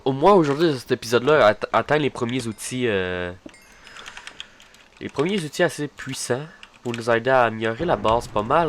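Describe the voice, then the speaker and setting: A man's voice: lowish voice, fairly bright tone, a little hiss or hum. A man giving casual let's-play commentary, hesitant and full of fillers, talking to his character and the mobs on screen. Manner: rambling, hesitant, many fillers and restarts. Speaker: gaming video creator.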